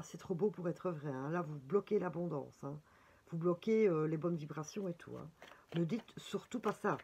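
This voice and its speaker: A woman with a Belgian French accent chats her way through a tarot reading, her voice sitting a little low. She talks freely, with plenty of fillers and exclamations. Faint noise hums under the recording. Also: a little mellow. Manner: chatty, full of fillers and exclamations. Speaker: tarot reader. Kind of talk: casual horoscope reading.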